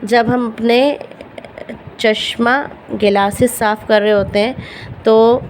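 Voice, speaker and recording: A woman who speaks Urdu as her first language, teaching beginners to pronounce Arabic letters for Quran reading, patiently repeating each sound slowly. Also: fairly high pitch, steady tone, a little mellow, slight background noise, low-quality recording.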